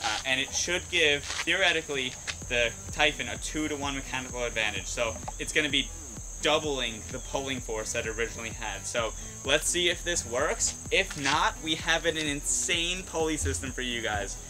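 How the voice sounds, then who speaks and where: A man hosting a hobby vlog outdoors, explaining an experiment with energetic, cheerful talk. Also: medium pitch, normal speed, poor audio. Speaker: RC hobby channel host. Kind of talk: excited demo vlog.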